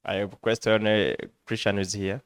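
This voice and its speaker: Man, interpreter, halting, flat delivery, dry sound. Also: fairly low pitch, smooth, dry recording. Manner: halting, with restarts and fillers while translating. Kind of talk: live consecutive interpretation into English.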